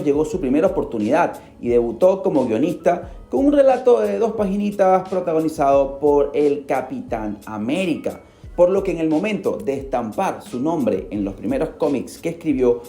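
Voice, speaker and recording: Speaking into a studio microphone, a Peruvian podcast host spins a story for radio in a theatrical style, talking right to the listener and varying his pitch for emphasis. His tone is dark and the sound reverberant.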